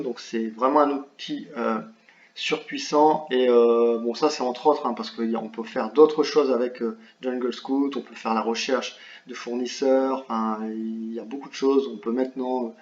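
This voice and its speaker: Guy doing a screen tutorial, lots of ums and restarts, roomy echoey sound, kinda dull audio. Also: mid-range voice. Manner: hesitant, many fillers and restarts; apologetic about his English pronunciation. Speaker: online business tutor. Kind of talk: screen-share software tutorial. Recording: roomy, slightly dull home recording.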